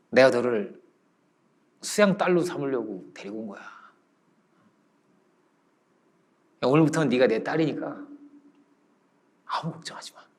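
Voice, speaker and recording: A forgiving old house master, put on by a preacher, speaks in a hushed, low, unhurried voice. His pitch moves freely, carrying warmth into every reassuring line. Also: breathy edge. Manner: soft, low and slow. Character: kind elderly master of a house, gentle and forgiving.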